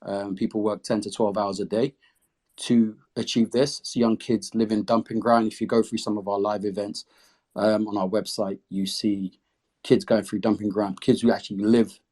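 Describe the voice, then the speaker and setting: A man's voice: lowish voice, mellow. A man talking casually in an interview, explaining the project he founded. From came to the UK as a child refugee.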